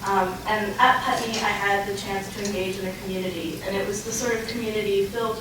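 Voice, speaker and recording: A young adult woman giving an earnest, prepared acceptance speech as an award recipient, halting with pauses as she goes. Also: medium pitch, steady tone. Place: large echoey room, live event. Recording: echoey, noisy room, distant mic.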